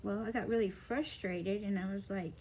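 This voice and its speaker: Her voice is mid-range, husky, and a little mellow, with fairly even intonation at a moderate pace, on a low-quality recording. Talking casually to camera, she rambles through a story from her childhood, using many fillers and performing the quoted lines.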